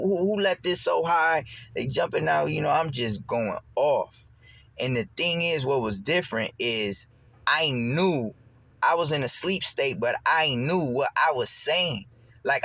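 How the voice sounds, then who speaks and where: A man's voice: mid-range voice, no room sound. Rambling man telling a story casually. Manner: rambling, repeats words and restarts, animated when quoting. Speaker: vlogger.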